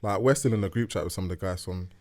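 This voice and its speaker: Laid-back podcast host, fast and low. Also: male voice, a little mellow. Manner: laid-back, says "like" and "man" a lot. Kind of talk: casual chat.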